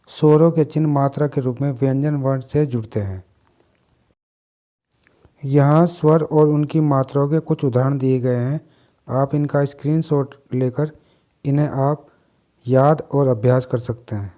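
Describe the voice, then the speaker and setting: A man teaching a grammar lesson, reading from his notes in a steady way and listing the letters one by one. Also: medium pitch, a little slow.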